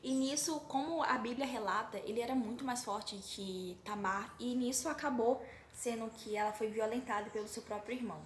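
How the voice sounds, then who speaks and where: A woman's voice: on the high side, moderate pace. Chatty young Brazilian woman retelling a Bible story. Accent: Brazilian Portuguese. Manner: chatty, addresses viewers as "gente", hesitant fillers. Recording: roomy recording with faint noise.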